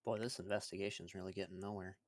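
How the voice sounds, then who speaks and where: A man playing in a tabletop game, chatting casually with dry, wry remarks and animated explanations. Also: low-pitched, fast talker. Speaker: player.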